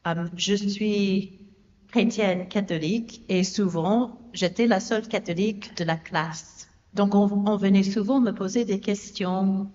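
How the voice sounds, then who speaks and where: A woman's voice: medium pitch, unhurried, darkish tone, big-room sound, highs cut off. A woman with an American accent giving a conference talk in a church, speaking hesitantly with many fillers and restarts. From United States (Oklahoma). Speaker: theology lecturer, conference speaker. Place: Protestant church.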